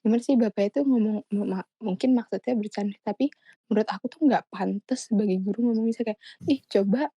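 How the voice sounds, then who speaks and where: A young woman telling a story in casual chat, animated and full of fillers. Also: medium pitch, fast talker, husky, dry recording. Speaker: guest.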